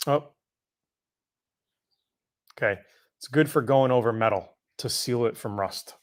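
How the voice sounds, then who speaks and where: A man's voice: medium pitch, a little slow. A middle-aged man hosting a casual live Q&A, answering viewer questions in a loose, conversational way with fillers and self-corrections.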